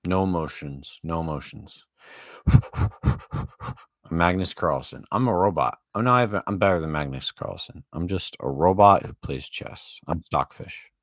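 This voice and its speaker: A man's voice: sits low, expressive, moderate pace, hardly any pauses, fairly bright tone, no echo. A young man commentating his own online chess games, swinging between panic and self-hype with self-deprecating jokes. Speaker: chess streamer.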